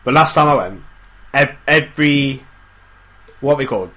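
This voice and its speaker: A man in casual banter, cutting in bluntly with quick remarks. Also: mid-range voice, animated, bright, forceful tone.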